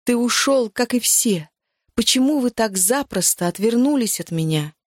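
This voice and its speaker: This is a heartbroken young woman, voiced by the narrator, whose voice lifts higher and louder in tearful, pleading outbursts. The sound is close and dry. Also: moderate pace, dry recording, lightly acted. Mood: anguished.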